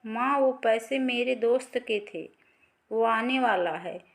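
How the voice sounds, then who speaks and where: A woman doing an anxious young husband, urgent and pressing, in a storybook reading, high voice. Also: slow, creaky. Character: worried young husband, grown son.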